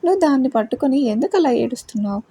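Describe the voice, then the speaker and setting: A woman's voice: sits high, expressive, racing, mellow, husky, heavily acted. Woman reading a fond, scolding mother-in-law. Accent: Telugu. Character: loving playful middle-aged mother-in-law.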